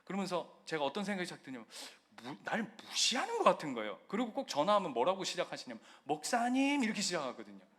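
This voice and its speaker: A male pastor preaching a sermon, moving between loud emphasis and quiet storytelling. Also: on the high side, wildly swooping pitch, very fast, hardly any pauses.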